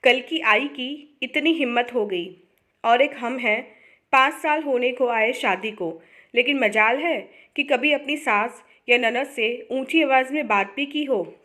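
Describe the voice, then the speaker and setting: A woman's voice: high voice, measured pace, fairly bright tone. A woman reading a story aloud and voicing a resentful, complaining young sister-in-law in her own voice. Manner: whiny, resentful.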